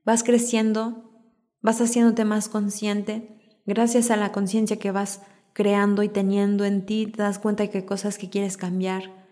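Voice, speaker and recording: A woman hosting a podcast, giving a calm, reflective self-help talk that builds through repeated everyday examples. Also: medium pitch, a little slow. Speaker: podcast host.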